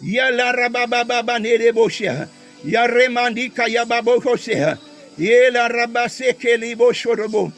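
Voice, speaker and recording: A man with a very high voice pours out a fervent prayer, stacking one invocation on another and slipping into tongues. Soft music runs under him as he climbs into shouts. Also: level tone. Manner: rapid repeated invocations, speaking in tongues, bursts of shouting. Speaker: prayer leader.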